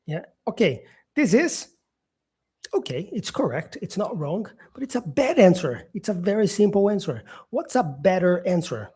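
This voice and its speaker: A man's voice: sits high, sing-song, moderate pace, dark tone, husky. Man from Brazil teaching English live. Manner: repeats himself, answers viewer comments, frequent "yeah" and "um". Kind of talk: live-streamed English lesson.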